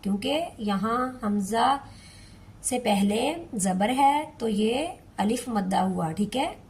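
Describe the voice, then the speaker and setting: Woman, tajweed teacher, very slow and deliberate, slightly high voice, gravelly edge, patient repetition. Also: a little mellow. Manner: patient, repeats words slowly, recites in a drawn-out chant. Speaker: Quran recitation teacher. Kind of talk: slow step-by-step tajweed lesson.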